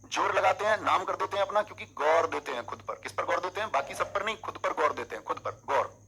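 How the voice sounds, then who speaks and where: A man with a bright, husky voice teaches an exam coaching class. He talks in an animated, coaxing way and keeps drilling memory tricks. The sound is a little lo-fi. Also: sits high, quick pace.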